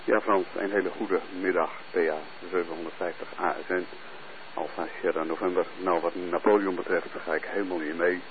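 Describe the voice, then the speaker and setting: A man chatting on air as an amateur radio operator, heard over a two-way radio link, relaxed and hesitant with many filler pauses. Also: sits low. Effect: heard over a two-way radio transmission. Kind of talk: casual on-air radio chat with call signs. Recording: tinny radio-band sound with faint hiss.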